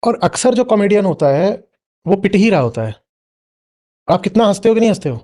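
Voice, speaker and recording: A spiritual teacher answers an audience member in a spoken discourse before a live crowd. His high-pitched, mellow voice swings widely in pitch at a fairly quick pace, and he keeps prodding the listener with questions and a questioning "hmm?".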